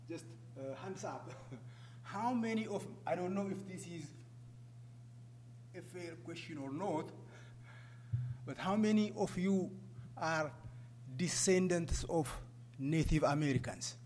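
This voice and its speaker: A man's voice: fairly high pitch, darkish tone. Ethiopian-accented man speaking in an echoey hall. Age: middle-aged or older, over 44. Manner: halting, asks the audience questions. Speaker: guest speaker, refugee advocate. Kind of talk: public talk to an audience. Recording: echoey hall, clear background noise and hum.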